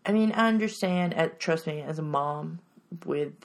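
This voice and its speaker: A woman's voice: sits low, moderate pace. A woman, a mom co-hosting a podcast, earnestly giving parenting advice in casual chat. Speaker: podcast co-host.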